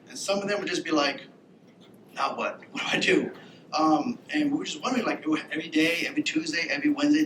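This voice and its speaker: A man from Texas who pronounces his R's like W's, giving an informal, animated conference presentation. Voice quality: cannot pronounce R, says w for r. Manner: informal, animated storytelling with acted-out quotes. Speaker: workforce agency presenter, Marine veteran. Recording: echoey room with background rumble.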